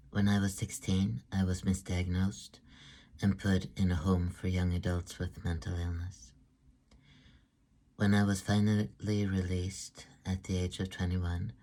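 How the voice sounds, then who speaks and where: A middle-aged man presents his book as an author, reading in a measured, even way. His voice sits low and stays flat in its melody. The tone is dark and mellow. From Sweden. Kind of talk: read-aloud book presentation.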